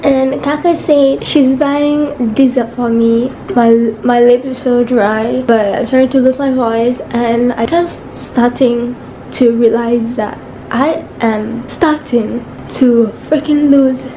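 Speaking slowly in a fairly high, steady and mellow voice, this young woman is ill, coughing and going hoarse while she chats casually to camera indoors in her bedroom. She has a Malaysian English accent and slips Malay words into her English. The audio is poor, with a little hiss or hum, from a camera mic held close or set on a tripod.

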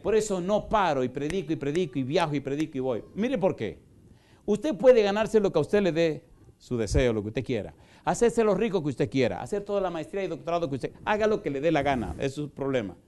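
A middle-aged male pastor preaching an evangelistic sermon in a church, firing rhetorical questions and moving from loud preaching to soft pleading. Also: on the high side, sing-song, brisk. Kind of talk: evangelistic sermon with altar call. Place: church in Houston, Texas.

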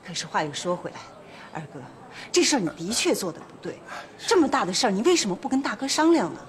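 An actress playing a shrewd, chatty woman who smooths over a family quarrel in a period television drama. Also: medium pitch, sing-song, quick pace, lightly acted. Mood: persuasive. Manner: coaxing, persuasive, chatty. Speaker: third sister-in-law. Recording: noisy background.

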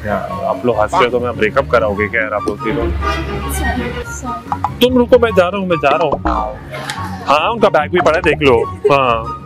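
A man's voice: mid-range voice, sing-song, brisk, pauses often, over loud music. A young man pranking strangers in a park, cooing sweet baby talk to a supposed girlfriend on a video call and turning coaxing and sheepish with the people beside him. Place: outdoor park bench.

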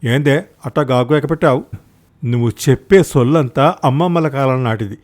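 A man voicing a sharp-tongued, sarcastic village wife who answers back to her husband. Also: normal speed, natural voice. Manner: sarcastic and shrill.

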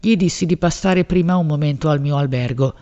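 A woman reads a literary novel aloud at a measured pace, shaping each phrase expressively. The recording sounds slightly dull and lo-fi. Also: low-pitched, mellow. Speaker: audiobook narrator. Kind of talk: literary audiobook narration.

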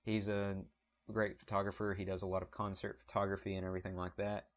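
A man with a thick Southern US drawl and a low voice talks casually to camera for his photography channel. He rambles a little, full of ums and apologies, and the sound comes through a small point-and-shoot camera mic. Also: flat delivery, fast.

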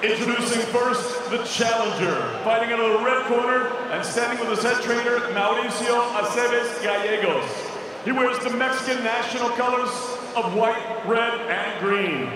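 A man working as a ring announcer, giving formal, theatrical fight introductions with grand, drawn-out names and titles. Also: very high voice. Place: large indoor arena, boxing ring. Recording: echoey arena PA, far off, crowd noise.

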